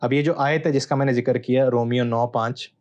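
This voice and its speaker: A man, a Bible scholar guest, explaining texts in a measured, teacherly way with hesitant pauses. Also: medium pitch, steady tone, a little mellow, lo-fi sound. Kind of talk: explanatory interview answer.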